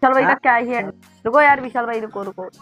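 A man, giving loud, excited commentary on his own gameplay as a channel host and calling out to his opponent. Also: extremely high pitch, fast talker, soft background music. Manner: loud, exclamatory, bossing his opponent around.

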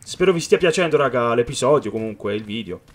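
A man giving excited let's-play commentary on a video game, reading the game's dialogue aloud and talking straight to his viewers. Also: mid-range voice, fast. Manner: excited, calls viewers "raga" often. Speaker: gaming youtuber.

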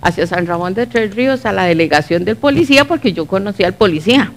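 A middle-aged woman with a Costa Rican accent tells a personal story at church. She is an animated storyteller who acts out each voice as she goes. Her pitch sits in the middle of the usual range. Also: quick pace, a little hiss or hum. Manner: animated storyteller acting out dialogue. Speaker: church speaker. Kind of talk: testimony in a church talk.

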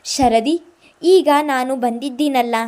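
Woman reads tender young man, caring and worried, soft mellow tone. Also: high voice, slow pace. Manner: gentle, worried, soothing.

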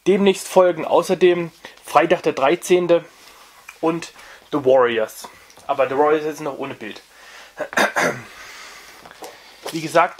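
A young man hosting a casual record review, talking off camera with many fillers and restarts. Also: a little high. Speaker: vinyl review channel host.

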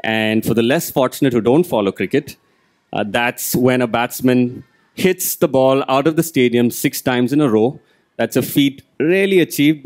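A man preaching with a medium-pitched voice. He keeps a conversational tone and lifts his voice into animated quotes as he reads. His pitch swings widely as he moves through the passage. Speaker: pastor. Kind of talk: sermon.

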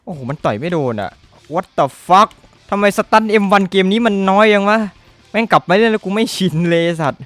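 Foul-mouthed young man yelling at a game. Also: high voice, fairly quick, no room sound, faint music behind. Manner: swears constantly, excitable, shouts at the game. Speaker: gaming YouTuber. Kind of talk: profane live gameplay commentary.

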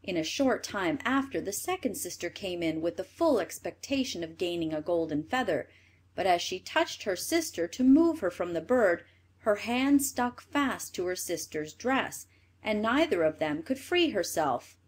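Expressive woman reading a fairy tale. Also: mid-range voice, moderate pace. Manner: expressive, swooping storybook reading. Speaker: storyteller. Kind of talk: fairy tale read aloud.

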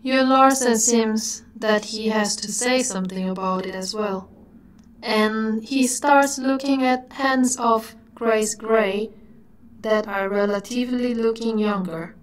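A woman giving scripted narration in a slow, dreamy way that sometimes drops to a whisper. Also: fairly high pitch, a little hiss or hum, poor audio.

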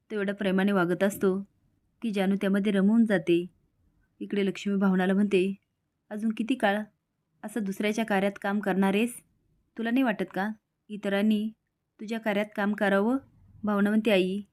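Woman, serial-recap narrator; even storytelling voice with dialogue read in. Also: mid-range voice. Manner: steady storytelling, reads characters' lines in quotes.

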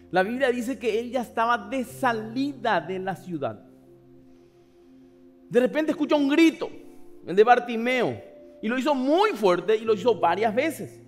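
A man preaching a passionate sermon, shifting between loud cries and hushed asides and acting out the people in his story. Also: high-pitched. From Paraguay. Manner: acts out voices of the people in the story. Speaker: pastor.

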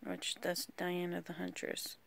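Woman chatting about her card deck, hesitant, kinda gravelly, unhurried. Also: on the low side, completely flat delivery. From rural United States. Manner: rambling, hesitant, lots of ums. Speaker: vlogger. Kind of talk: casual card walkthrough.

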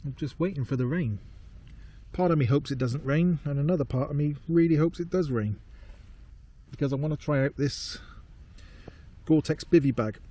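A man in his forties, a camping vlogger, talking to a handheld camera in a laid-back, low-key way in a field. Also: moderate pace, warm tone, husky. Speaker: outdoor vlogger. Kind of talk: casual solo camping vlog. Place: tarp shelter in a field at night, then walking outdoors. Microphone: handheld camera close up.

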